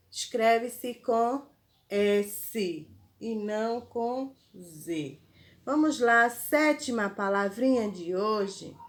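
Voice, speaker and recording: A woman teacher, giving a spelling lesson to children slowly and patiently, spelling out syllables. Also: fairly high pitch, a bit bright. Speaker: primary school teacher.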